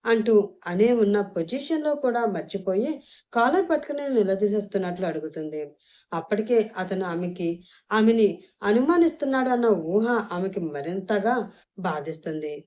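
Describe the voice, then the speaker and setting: Woman reading out a romance audio novel, dramatic and expressive, soft warm tone. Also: mid-range voice, moderate pace. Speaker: story narrator.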